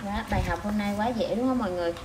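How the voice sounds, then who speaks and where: A woman teaching an online language lesson to parents. She repeats short sentences slowly, one word at a time, and then explains them. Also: mid-range voice. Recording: echoey room with clear noise.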